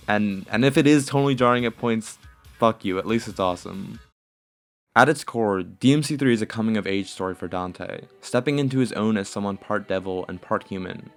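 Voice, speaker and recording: A man giving scripted video game commentary as an essayist, in a casual, profane manner. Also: fairly low pitch. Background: music.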